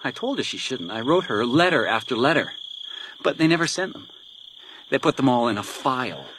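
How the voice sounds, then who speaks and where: In a detective radio drama, an actor voices a menacing, vengeful grieving brother who cruelly mocks and taunts, bitter in mood and theatrical in delivery, slowing deliberately when reading letters aloud. His medium-pitched voice is sing-song and fairly bright, set against a noisy night outdoors full of insects.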